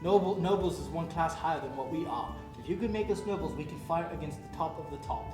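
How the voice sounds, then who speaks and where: A man playing a scheming, boisterous medieval knight in a loose improvised role-play, speaking haltingly. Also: a little high, natural voice. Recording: echoey room, music over the talk.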